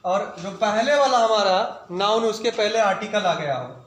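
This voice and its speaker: A male grammar teacher with an Indian English accent, dictating slowly and repeating words for students in a video lesson. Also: high voice, lively intonation, fairly bright tone. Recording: echoey room with faint ambient noise.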